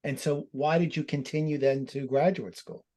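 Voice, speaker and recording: A man's voice: fairly high pitch, fairly even intonation, moderate pace, dark tone. Male panel moderator prompting guests. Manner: friendly, prompting questions with restarts.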